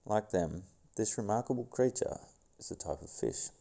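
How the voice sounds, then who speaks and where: A man reading nature documentary narration in a gravelly voice, now and then stumbling over a word. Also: fairly low pitch, expressive, moderate pace, dark tone. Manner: stumbles over words and scientific names. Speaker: video host.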